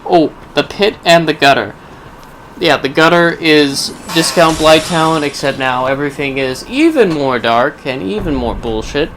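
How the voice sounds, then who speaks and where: Musing wryly to himself, a gaming video host gives relaxed, rambling commentary while he plays, against a clearly noisy background. His voice is fairly high, animated, and a bit bright, at a measured pace.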